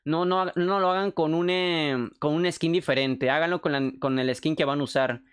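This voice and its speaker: Fast-talking Mexican young man streaming. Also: a little high, clean tone. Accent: Mexican Spanish. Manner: fast, excitable, swears freely. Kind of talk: casual livestream chat.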